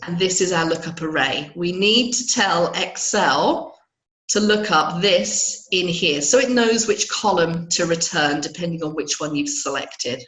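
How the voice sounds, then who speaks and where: A woman with a croaky voice, unwell, running a live spreadsheet webinar and explaining formulas step by step. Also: fairly low pitch, a little slow, a bit bright, echoey room, low-quality recording. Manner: explains step by step, reads out attendee questions. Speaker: Excel trainer.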